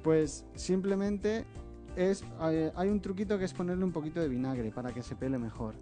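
As a guest chef in a TV studio kitchen, a man with a slight Catalan accent demonstrates a recipe, his voice a little high with a dark tone. He patiently walks through each step and keeps tagging phrases with a quick "eh?" to check in. Faint music plays in the background.

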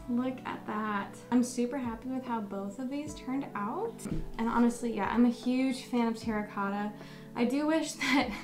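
In a casual vlog recorded in her bedroom full of houseplants, a young woman in her twenties chats about her plants, gushing and often laughing. Her voice is fairly high, the sound is roomy, and background music runs under her speech.

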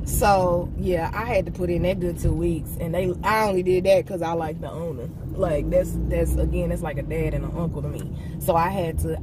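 A woman, talking candidly and assertively to her viewers in a car vlog. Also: on the low side. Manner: casual, assertive, talks straight to viewers. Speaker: motivational vlogger. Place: parked car, daytime. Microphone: phone camera on the dashboard. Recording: phone mic a little far off, loud car and street noise. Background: car and outdoor traffic noise.

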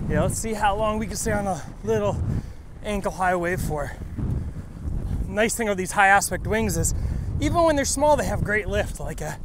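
A man filming himself wing foiling, chatting and joking between breaths as he rides. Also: sits high. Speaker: wing foiler filming his session. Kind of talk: casual self-filmed narration. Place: outdoors on the water. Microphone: action camera on the wing. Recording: windy outdoor action-cam audio. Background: wind and water noise.

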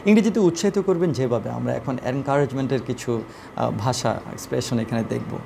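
A man gives an English lesson in a mid-range voice. He reads each example phrase slowly and carefully and fills his pauses with "uh". A faint background hiss runs under the recording. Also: mid-range voice, vocal fry, mellow. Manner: slow, deliberate reading of example phrases with frequent "uh" fillers. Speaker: English teacher.

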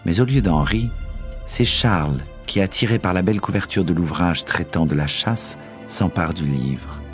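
A man narrating a classic novel in a measured storytelling voice over faint music. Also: low voice. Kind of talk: scripted literary narration.

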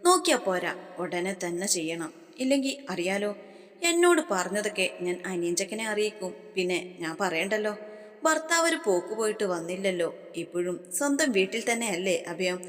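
A woman's voice: medium pitch, lively intonation, moderate pace, in a large hall, close to an everyday voice. A woman voicing a pushy, threatening young nurse. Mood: insistent.

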